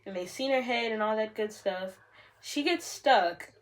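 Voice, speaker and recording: A young adult woman vlogger telling a personal story on camera in a casual, chatty, animated way, with frequent "like" fillers. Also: a little high, a little slow.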